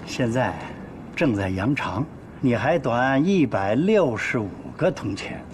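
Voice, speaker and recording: An actor playing a sly, cowardly tax collector who bargains with and taunts a widow, with music under. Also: male voice, medium pitch, expressive, slow, noisy background. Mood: haughty. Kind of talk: TV drama acting.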